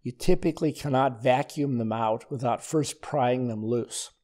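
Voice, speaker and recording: Calm older man with a mellow voice. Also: medium pitch, normal speed. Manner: calm, methodical explaining. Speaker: woodworking instructor. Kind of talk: scripted voice-over narration.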